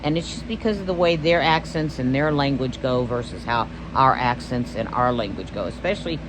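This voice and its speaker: Her voice is very deep and a little fast as this Texan host chats her way through a stitching vlog, drifting and losing her thread. It's casual show-and-tell, recorded against noisy background sound.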